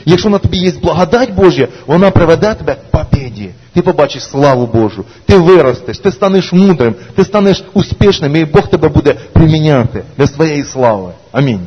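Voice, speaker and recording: A man's voice: fairly high pitch, expressive, a little fast, few pauses, slightly rough. A male pastor preaching a sermon, repeating "amen" and building to emphatic calls. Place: church hall. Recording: echoey church hall, dull lo-fi sound.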